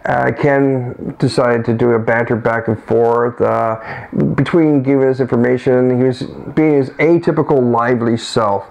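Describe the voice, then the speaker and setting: A man's voice: mid-range voice, a little slow, vocal fry, dull audio. A man co-hosting a casual chat, rambling along with frequent restarts. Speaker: co-host.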